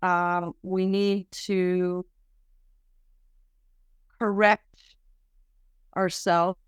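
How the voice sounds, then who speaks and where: In clean studio sound with no echo, a middle-aged Quebec woman speaks in a lowish voice with a clean tone and little pitch movement. A research director whose first language is French, she comes across as earnest in this podcast interview, frequently stopping and restarting her sentences.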